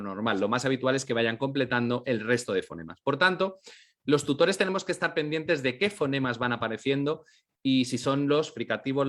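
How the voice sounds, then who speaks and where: A man at an ordinary, middle pitch gives an explanatory lesson. He poses questions and answers them himself, stretching out syllables slowly to demonstrate them. Now and then he stops to correct himself with a quick apology. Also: a bit bright. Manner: occasional apologetic self-corrections. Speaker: teacher. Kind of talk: educational lecture on literacy.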